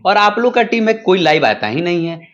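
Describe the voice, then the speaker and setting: A man's voice: high voice, very animated, fairly quick, a bit bright. A male interviewer asking probing, conversational questions. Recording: dull lo-fi sound.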